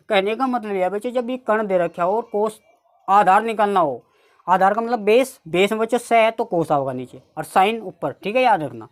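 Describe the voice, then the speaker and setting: A woman with a North Indian accent teaching a maths lesson step by step, often addressing her students as children. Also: medium pitch. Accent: Hindi-speaking North Indian. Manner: keeps addressing the class as "children", repeats steps slowly.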